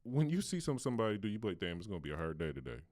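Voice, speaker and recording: A man's voice: fairly low pitch, very animated, racing, darkish tone, no echo, clean studio sound. A man hosting a casual interview, asking questions in a slangy, easygoing way. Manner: casual, slangy, brief backchannel replies.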